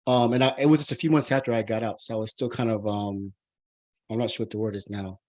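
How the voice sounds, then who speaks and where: A man's voice: lowish voice, fairly even intonation, fast talker, darkish tone. Rambling American man hosting a podcast. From United States. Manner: rambling, many restarts and fillers. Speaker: podcast host. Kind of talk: casual interview chat.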